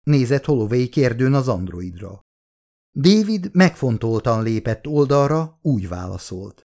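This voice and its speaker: A man reading his own novel aloud as an audiobook, in a steady, measured way. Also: medium pitch. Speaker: author reading own book. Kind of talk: audiobook narration.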